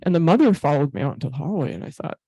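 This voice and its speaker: A woman's voice: low-pitched, animated, racing, dark tone, breathy edge, no echo, highs cut off. A woman giving a casual talk with slides as a therapy animal volunteer, a chatty storyteller who laughs often and uses many fillers.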